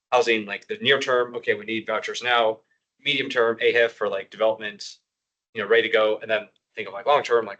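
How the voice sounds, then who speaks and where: A man's voice: lowish voice, bright, forceful tone, low-quality recording. A man on a housing commission talking through budget priorities at a public meeting, rambling with many fillers and restarts.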